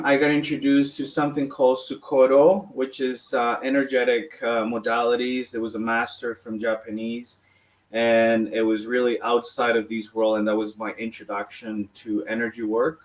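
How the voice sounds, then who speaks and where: A man from Colombia, a massage therapist, calmly answering interview questions and explaining his work. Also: medium pitch, moderate pace.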